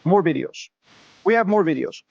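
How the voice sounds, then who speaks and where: Man, breaking news live updates, slightly high voice, very lively intonation, clipped phrases, dry recording. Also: normal speed, creaky, no echo, highs cut off.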